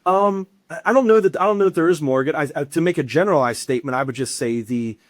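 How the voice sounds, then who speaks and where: A man's voice: fairly high pitch, quick pace, no echo, studio quality. A man with a Southern American accent, a guest answering interview questions in a talkative way with frequent restarts. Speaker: guest, wellness expert.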